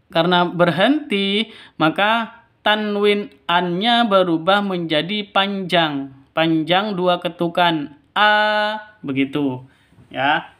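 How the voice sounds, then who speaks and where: A man's voice: on the high side, fairly bright tone. A man teaching Quran reading rules step by step, patient, repeating each rule twice. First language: Indonesian. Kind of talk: step-by-step recitation lesson.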